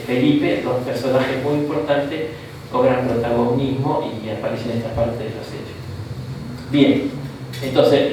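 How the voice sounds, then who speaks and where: Speaking with an Argentine accent, this man is a bishop teaching a Bible class, keeping it casual with frequent "¿no?" and "¿tá?" checks and brief side remarks. He has a mid-range voice. The recording, made from a distance in a reverberant room, carries slight hiss or hum.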